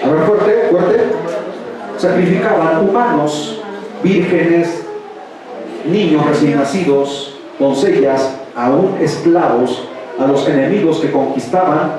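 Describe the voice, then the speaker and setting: Taking it slowly in a fairly high voice, a Mexican man preaches in a Mexican Spanish accent, throwing rhetorical questions at the congregation. He is the pastor in a large church hall; the mic is distant, the hall echoes, and crowd noise and the congregation can be heard.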